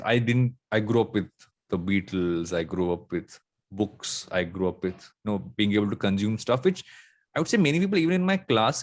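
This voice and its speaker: A man from coastal Andhra Pradesh, speaking reflectively as a podcast guest and pausing mid-thought. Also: fairly low pitch. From coastal Andhra Pradesh, India. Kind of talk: reflective conversational interview.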